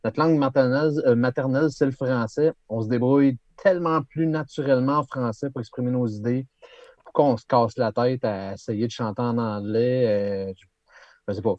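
A musician guest with a Québécois accent chats through a casual interview, laughing now and then and using lots of fillers. His mid-range voice is a little mellow, and the recording sounds dry and muffled.

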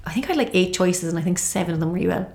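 A woman's voice: lowish voice, animated, rapid-fire, creaky, a little mellow. A woman with a west of Ireland accent, telling stories about herself in a chatty, rambling way as an interview guest. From Ireland, born in Dublin and raised in Galway. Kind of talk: casual autobiographical chat.

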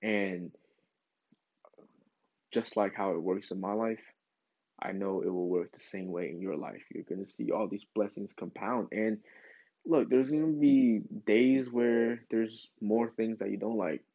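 A man's voice: lowish voice, measured pace, warm tone, dry recording. A man giving a casual, encouraging spiritual pep talk in an informal, rambling way, as a self-help vlog host. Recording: dull lo-fi sound.

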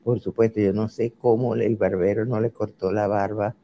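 A man slowly recalls a school-days memory, repeating words as he remembers, with faint noise behind him. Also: fairly low pitch, flat delivery, dark tone, lo-fi sound. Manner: slow, reminiscing, repeats words.

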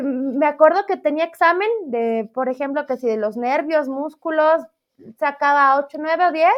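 Woman, math teacher guest, high voice, chatty and self-mocking, slightly muffled audio. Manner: chatty, self-deprecating, animated storytelling. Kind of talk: casual interview chat.

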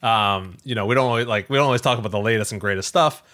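A podcast co-host with a lowish, slightly bright voice talks very fast in casual conversation. He rambles along, often doubling back to correct himself, rephrase, or repeat phrases.

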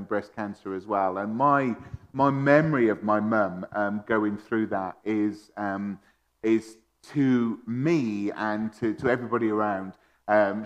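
A man's voice: on the low side, highs cut off. A man in his thirties hosting, friendly and chatty as he tells a family story. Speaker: host. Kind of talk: casual storytelling in a tribute.

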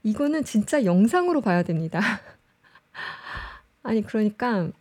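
A woman's voice: mid-range voice, very animated, takes it slowly, a little mellow. A woman casually commenting on show clips, chatty and often laughing as she explains. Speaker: host reviewing show clips.

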